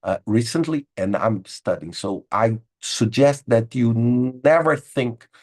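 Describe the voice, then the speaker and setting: A husky-voiced man whose first language is Portuguese hosts an informal webinar over a video call, answering questions from the chat. His mid-range voice has a darkish tone and a slow pace, and he's emphatic, repeating words and often saying "okay?"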